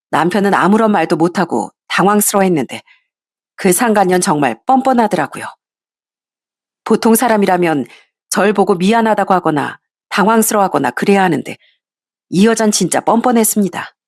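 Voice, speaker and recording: A woman narrating her own story in the first person, in a measured, confessional way. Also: mid-range voice, expressive, dry recording, studio quality.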